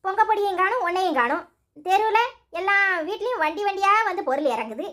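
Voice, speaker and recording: A woman voicing a nagging, sharp-tongued old mother-in-law in a cartoon, speaking Tirunelveli Tamil with quick, sarcastic scolding. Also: very high-pitched, lively intonation.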